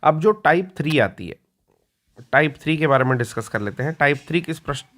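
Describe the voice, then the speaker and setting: A male teacher giving an exam-prep lecture. He explains patiently, repeats key words slowly and often clears his throat. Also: fairly high pitch, expressive, a bit bright.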